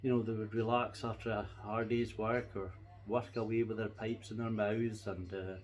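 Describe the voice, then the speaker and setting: A man's voice: fairly low pitch, level tone, normal speed, muffled recording. A middle-aged or older Scottish man chatting casually to camera, reminiscing in a rambling, folksy and reflective way. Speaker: pipe-smoking vlogger.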